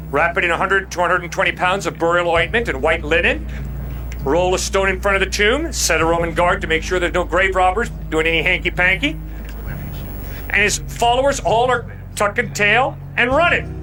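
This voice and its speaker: In an impassioned open-air apologetics debate, a man with a noticeably high voice presses his case in an emphatic, colloquial way, peppering it with rhetorical questions. Music is clearly audible in the background.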